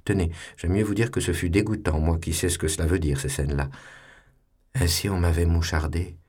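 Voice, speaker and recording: Deep husky guy reading a story out loud, slow and dramatic. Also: steady tone. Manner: measured, theatrical.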